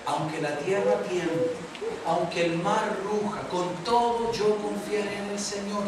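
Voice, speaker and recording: A middle-aged male pastor with a Chilean accent preaches with animated rhetorical questions. His voice is caught from far off in a very echoey church hall, with clear background noise. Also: sits high. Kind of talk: sermon.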